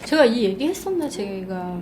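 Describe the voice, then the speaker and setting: Mom in her 30s on a radio chat, lively storyteller, a bit high-pitched, light hiss. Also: normal speed. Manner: warm storytelling, lively retelling with acted quotes. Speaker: radio host and mother.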